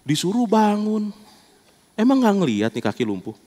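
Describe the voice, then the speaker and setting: A man's voice: high voice, big pitch swings, moderate pace, dark tone, big-room sound. A man voicing a stubborn, disbelieving paralyzed man who complains. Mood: grumbling. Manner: complaining, incredulous.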